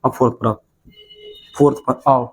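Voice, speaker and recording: A man's voice: mid-range voice, fairly even intonation, normal speed, slightly rough. Bihari Hindi man teaching at a board. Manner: repetitive, drills points, stretches words syllable by syllable. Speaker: English grammar teacher. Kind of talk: classroom lesson at a board. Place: classroom with a writing board.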